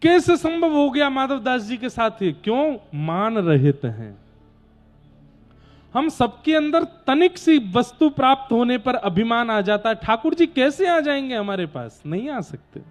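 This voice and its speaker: A man giving a devotional discourse, telling a sacred story to a gathering and now and then breaking into slow song. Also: very high-pitched, sing-song.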